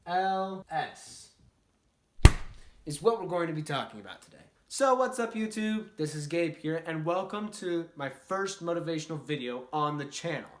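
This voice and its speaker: A man with a fairly high voice talks through a motivational lesson at a whiteboard for his channel. He is chatty and upbeat, tossing in little jokes between his points. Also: lively intonation, moderate pace, a little hiss or hum. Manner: upbeat and chatty, with jokey asides. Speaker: YouTube host. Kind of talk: casual motivational talk at a whiteboard.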